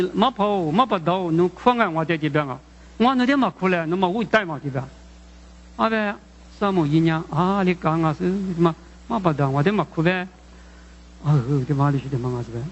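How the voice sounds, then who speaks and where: A preacher with a high voice gives a sermon, halting and repeating himself as he asks the congregation questions. The audio is muffled and dull, with the long echo of a large hall.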